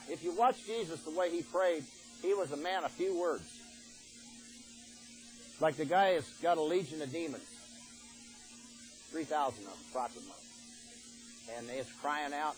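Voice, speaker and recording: A man's voice: a little high, darkish tone, poor audio. An older man preaching a sermon in a folksy, plain-spoken way, reading scripture aloud and then explaining it.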